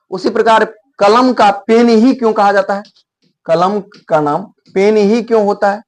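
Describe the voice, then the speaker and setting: High-voiced man teaching word origins. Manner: explains step by step, repeats words to model pronunciation. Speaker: English teacher. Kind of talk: explanatory video lesson.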